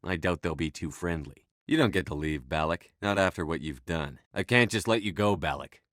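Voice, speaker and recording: A resolute male military commander from a video game. His voice sits fairly low and is recorded dry. He speaks firmly in clipped, commanding phrases, stern and driven. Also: normal speed, fairly bright tone, no room sound. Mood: cold menace. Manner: firm, commanding, clipped delivery. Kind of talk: video game dialogue acting.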